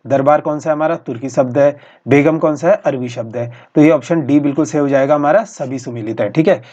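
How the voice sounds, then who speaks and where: A male teacher going through practice exam questions in a steady, explanatory way, often repeating each answer. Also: fairly high pitch, a little fast. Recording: dull lo-fi recording.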